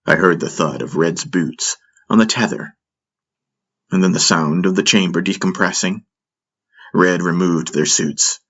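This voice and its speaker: An audiobook narrator reads a dramatic first-person story in a low-pitched, slightly bright voice, with measured, deliberate phrasing.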